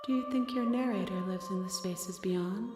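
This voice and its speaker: A serene, echoing otherworldly entity. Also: female voice, mid-range voice, moderate pace. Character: calm otherworldly female entity on the cusp of awakening. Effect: heavy echo. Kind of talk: dramatic video game voice acting. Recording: echoing, distant, loud music behind.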